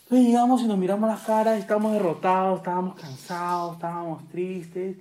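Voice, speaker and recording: A man's voice: high voice, fairly even intonation, brisk, warm tone. A man with a Peruvian accent, animatedly telling a story in casual, slang-heavy, swear-filled chat with a friend. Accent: Peruvian Spanish. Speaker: podcast co-host.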